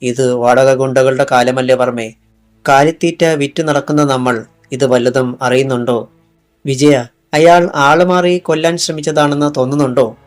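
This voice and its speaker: A man's voice: medium pitch, fairly even intonation, moderate pace, close to an everyday voice. A man reading a serious fatherly businessman.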